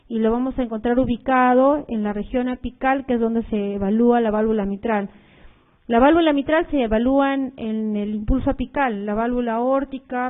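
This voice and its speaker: Female medical lecturer, fairly high voice, talks through slides with fillers and repetition, phone-quality audio. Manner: explanatory, uses fillers like "este" and "eh"; repeats key points, addresses students directly. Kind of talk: recorded cardiology lecture over slides.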